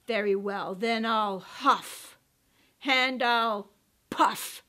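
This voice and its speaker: A woman voicing a menacing, sly male wolf who draws out his threats slowly and loudly. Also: on the high side, heavily acted. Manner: loud, slow, drawn-out threats.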